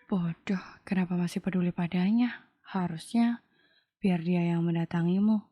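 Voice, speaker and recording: A fed-up young woman from an audio romance novel snaps back with open irritation. Her voice is low and warm in tone, read by the woman narrator. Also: moderate pace, lightly acted. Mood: irritated. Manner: sharp and irritated.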